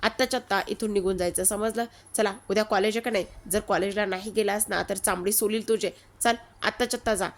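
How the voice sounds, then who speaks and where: A woman's voice: medium pitch, fairly even intonation, close to an everyday voice. A woman reading out a stern young man's commands. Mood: scolding. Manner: bossy, hurried commands. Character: stern young man ordering others around.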